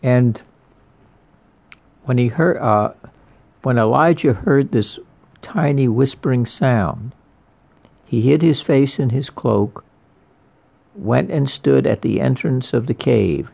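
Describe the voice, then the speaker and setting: A man delivers a sermon at an unhurried pace, letting each phrase land. His mid-pitched voice carries a strong gravelly fry, and he comes back to the same words again and again for emphasis. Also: a little mellow. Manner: slow, deliberate preaching with repeated phrases. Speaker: priest.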